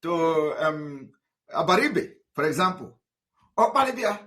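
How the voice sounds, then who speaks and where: A fairly bright, sing-song voice on the high side belongs to this man, who speaks a little slowly. He is livestreaming to his followers in a blend of English and Igbo. Combative in manner, he often stumbles on repeated words and fillers.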